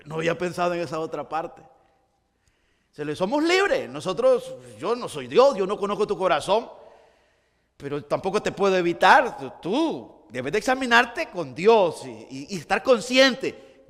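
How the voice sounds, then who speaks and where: Pastor guy preaching, really high voice, big echoey church hall, goes quiet then builds up loud. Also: sing-song, moderate pace. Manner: swings between hushed storytelling and rising emphatic preaching. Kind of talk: sermon. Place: church sanctuary.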